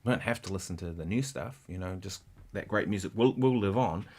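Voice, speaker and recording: Low-voiced guitar livestream host. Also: male voice, darkish tone. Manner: rambling, halting, with many restarts; counts and sings rhythm syllables aloud. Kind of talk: casual livestream chat.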